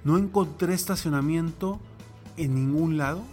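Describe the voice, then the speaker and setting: A man's voice: on the high side, moderate pace, darkish tone, soft background music. A man giving a reflective motivational talk, telling a personal anecdote and a parable and asking the listener rhetorical questions. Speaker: motivational speaker.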